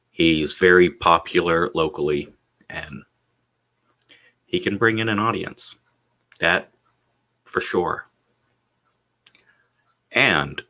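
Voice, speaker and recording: A man chatting casually on a solo livestream, rambling and halting, repeating words and pausing as he goes, with blunt, sweary language. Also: low-pitched, sharp tone. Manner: halting, meandering delivery with repeated words and drawn-out pauses.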